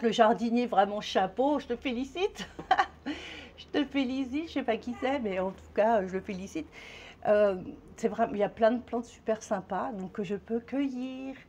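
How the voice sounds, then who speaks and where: A woman's voice: on the high side, normal speed, darkish tone. A woman with a French accent chatting casually to camera as a vlogger, rambling and swearing lightly, a little out of breath.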